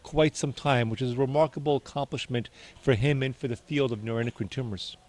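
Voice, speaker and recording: A man's voice: medium pitch, fairly even intonation, brisk, a little mellow. A middle-aged man answering interview questions as a doctor, earnest and somewhat hesitant, correcting himself as he goes.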